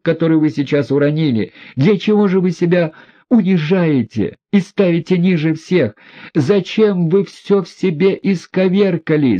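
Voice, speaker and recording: A man's voice: high voice, mellow, muffled recording, pitched above the performer's own voice. A man voicing an indignant, hysterical proud young woman who flings accusing outbursts.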